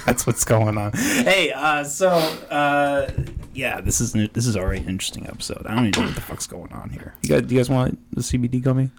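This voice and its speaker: A man's voice: medium pitch, animated, brisk, very noisy. A man in his twenties hosting a podcast, chatting loosely with plenty of swearing and laughter. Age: 20s. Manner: loose, profane and giggly. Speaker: podcast host. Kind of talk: casual chat.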